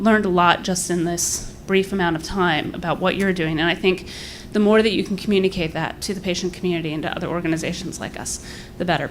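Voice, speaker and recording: Slightly breathless woman, lowish voice, public speaker. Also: a little hiss or hum. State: a little short of breath. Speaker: advocacy group director giving public comment. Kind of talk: prepared public remarks, partly off the cuff.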